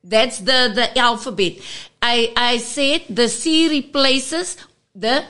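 A woman's voice: fairly high pitch, slow pace, pushed and bright. A woman with a South African accent, a guest patiently teaching language on a radio show and spelling out letters. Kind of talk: radio interview lesson.

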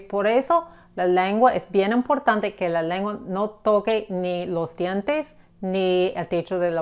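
Slow patient woman teaching pronunciation. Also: medium pitch. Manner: patient, repeats examples, checks with "ok?". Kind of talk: slow explanatory lesson.

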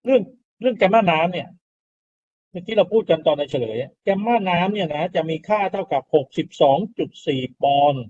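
A man's voice: sits high, expressive, brisk, a little mellow. A middle-aged man lecturing students, explaining step by step, repeating key terms and asking rhetorical questions. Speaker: university lecturer. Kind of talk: classroom lecture on soil mechanics. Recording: dull lo-fi classroom recording.

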